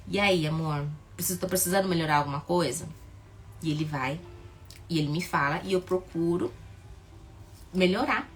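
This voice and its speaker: A woman's voice: on the low side, vocal fry, a bit bright. A woman in her forties, a therapist with a Brazilian Portuguese accent, talking casually and emphatically and acting out the people she quotes. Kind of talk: casual motivational talk.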